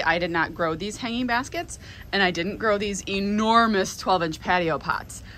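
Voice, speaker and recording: A woman's voice: on the low side, pushed and bright, a little hiss or hum. A woman in her thirties with an American accent, chatting enthusiastically while giving a walkthrough of her greenhouse nursery. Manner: chatty and enthusiastic, many ums and restarts. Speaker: flower farmer and nursery owner. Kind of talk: casual vlog walkthrough. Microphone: handheld phone at arm's length.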